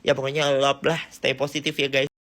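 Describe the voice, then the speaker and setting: A man's voice: medium pitch, flat delivery, fairly quick, fairly bright tone. A man chatting in a playful, flamboyant casual vlog style, with exaggerated exclamations and English phrases mixed in. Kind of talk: casual slangy vlog chat.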